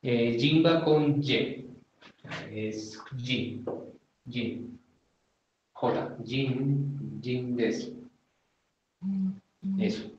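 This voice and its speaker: Slow, hesitant man teaching. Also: mid-range voice, darkish tone, slight background noise. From Colombia. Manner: hesitant, many fillers, slow and deliberate. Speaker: Japanese teacher. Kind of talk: informal language lesson. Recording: far from the mic in an echoey, dull-sounding room.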